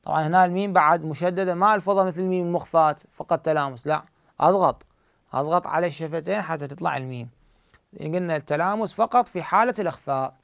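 A man with an Iraqi Arabic accent teaching tajweed, explaining the rules and slowly reciting verse examples. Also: fairly high pitch, gravelly, no echo, clean studio sound.

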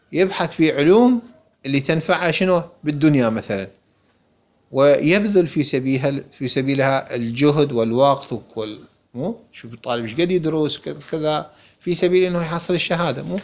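Speaking fairly quickly in a voice on the high side, a man with an Iraqi Arabic accent teaches a religious lesson. He works through a book and answers his own rhetorical questions as he goes.

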